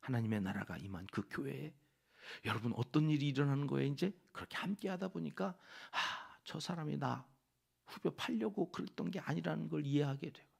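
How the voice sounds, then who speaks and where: A man preaching a dawn prayer sermon in a church, with a Chungcheong Korean accent, dropping from loud exhortation to hushed whispered asides. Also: fairly high pitch, fast talker, gravelly, breathy edge. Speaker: pastor. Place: church sanctuary.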